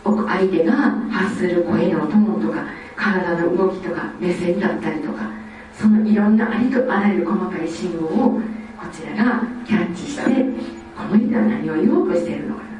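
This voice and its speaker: A woman from Osaka, giving a lively lecture on child development. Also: lowish voice, normal speed, soft background music. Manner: lively, acts out children's speech. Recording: echoey hall, distant mic, faint ambience.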